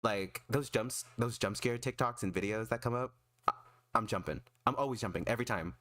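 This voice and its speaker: A man chatting casually on a livestream in an excitable, emphatic, self-deprecating way. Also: lowish voice, fairly quick, no echo, studio quality. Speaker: streamer and artist.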